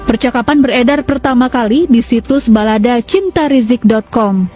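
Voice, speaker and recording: A woman narrating a news report in a formal, measured way. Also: on the high side, warm tone, faint music behind.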